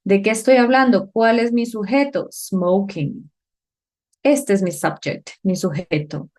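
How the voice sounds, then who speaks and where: At a whiteboard, a woman teaches an English grammar lesson step by step, asking questions to check understanding and pronouncing the English examples slowly and carefully. Her voice is medium-pitched and a little mellow, with lively intonation.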